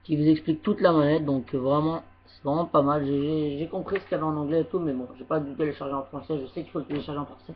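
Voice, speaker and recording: A man's voice: on the high side, fairly even intonation, fast, few pauses, muffled recording. A young man doing a casual home unboxing video of a game controller, hesitant and full of filler words. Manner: hesitant, heavy fillers like "donc, euh".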